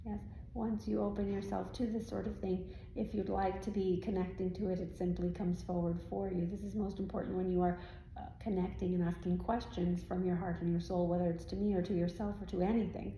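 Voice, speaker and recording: Answering an audience at an indoor live event, a woman in trance speaks as a serene spirit guide, instructive and formal to the point of stiltedness, often adding questioning tags. Her medium-pitched voice is creaky yet warm, flat, fairly quick and close to everyday, heard in roomy live sound with faint noise.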